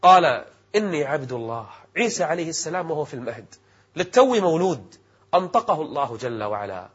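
An Islamic preacher presenting a religious programme gives a sermon in formal standard Arabic, using classical diction. His fairly high, husky voice is emphatic, rhetorical, sing-song and fast. The recording sounds dull and slightly muffled.

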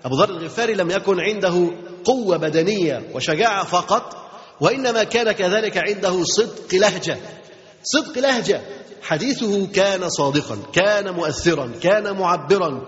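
An Egyptian-accented man teaches religion at a quick clip in a fairly high voice. He keeps asking his listeners questions and repeating phrases for emphasis. The recording is dull and lo-fi, with a long hall reverb. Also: lively intonation, a bit bright. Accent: Egyptian Arabic. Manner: asks the audience rhetorical questions and repeats key phrases. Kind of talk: Islamic religious lesson.

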